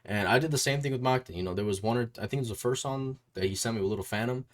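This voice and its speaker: His medium-pitched voice races along as he hosts a casual interview as a music YouTuber. With roots in Puerto Rico, he rambles, repeats himself, and often checks in with a tag question.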